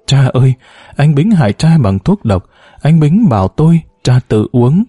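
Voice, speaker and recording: A man's voice: mid-range voice, big pitch swings, moderate pace, dark tone, breathy edge, no echo, studio quality. A man reading the lines of a frail dying young wife who speaks in a faint whisper, in an audiobook.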